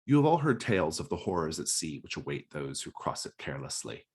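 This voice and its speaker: A man's voice: a bass voice, very animated, brisk, breathy edge. A man narrating a tabletop role-playing game as game master and putting questions to the players.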